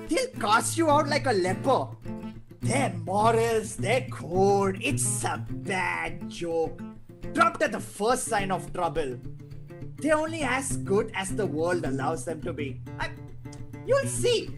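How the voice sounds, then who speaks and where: A woman's voice: mid-range voice, sing-song, slow pace. A woman playing a gleeful, taunting male criminal madman in a script read, drawling theatrically. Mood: taunting, sly. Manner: theatrical, drawling, breaking into cackles. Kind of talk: table read of a film script. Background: live guitar music.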